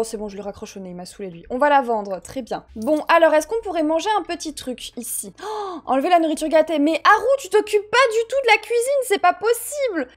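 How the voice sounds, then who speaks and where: A young woman hosting a let's play, chatting with viewers over her game and often exclaiming with emotion. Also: sits high. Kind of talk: casual gameplay commentary.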